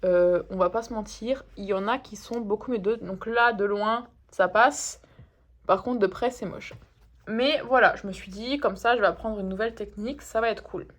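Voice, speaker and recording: A woman's voice: mid-range voice, moderate pace. A young woman chatting casually in a show-and-tell vlog, self-deprecating and full of little fillers. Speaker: knitting vlogger.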